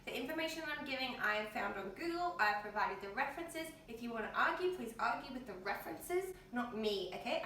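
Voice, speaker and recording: Her voice fairly high and a bit bright, an Australian health vlogger talks casually from her home kitchen, where the windows are open. She sounds worn out and in pain, with offhand, colloquial phrasing. A distant mic captures heavy kitchen echo and faint noise.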